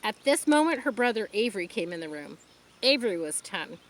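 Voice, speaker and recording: Reading a children's book outside in a rural spot, this storyteller speaks fairly quickly at a medium pitch. Her delivery is expressive, and she breaks in now and then with her own explanatory asides.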